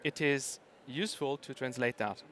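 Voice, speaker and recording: A man's voice: mid-range voice, moderate pace, fairly bright tone. A middle-aged man from Germany, giving a conference talk and hesitating often with ums and uhs. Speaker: conference speaker.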